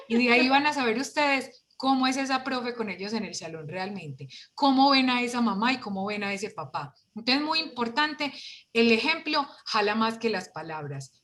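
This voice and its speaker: A woman leading an online workshop for parents, lively and full of rhetorical questions, heard over a video call. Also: fairly high pitch.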